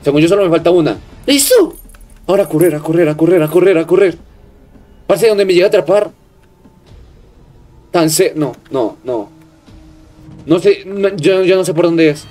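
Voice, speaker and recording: Colombian guy streaming a horror game, kinda high voice, jumpy, swears a lot, shushes himself. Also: normal speed, long pauses, faint music behind. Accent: Colombian Spanish. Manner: jumpy, yelps and swears at scares, hushes himself. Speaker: gaming streamer. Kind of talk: horror game let's play commentary.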